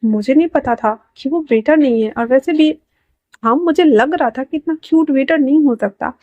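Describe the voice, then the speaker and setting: A woman's voice: high voice, normal speed, no echo, narrow, tinny audio, lightly acted. A woman voicing a giddy, lovestruck young man who gushes and whines to his older brother. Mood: defensive. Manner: excited, whiny, gushing.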